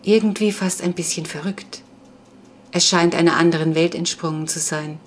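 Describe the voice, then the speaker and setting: A woman reading the part of a thoughtful, soft-hearted middle-aged father in an audiobook, with a dry, grumbling manner. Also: fairly low pitch, fairly even intonation, moderate pace, close to an everyday voice.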